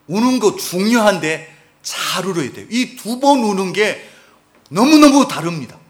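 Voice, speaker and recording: A male pastor delivers an animated sermon in a high voice that leaps up and down. He keeps asking the congregation questions and shifts from loud emphasis to near-quiet asides. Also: a little slow. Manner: animated preaching, asks the congregation questions, swings between loud and soft. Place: church sanctuary.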